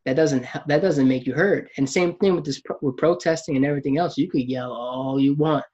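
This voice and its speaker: A man hosts a podcast in a reflective, casual tone, often restarting his sentences and acting out quotes. His slightly high voice is darkish with a breathy edge and moves fairly quickly, though the audio sounds dull.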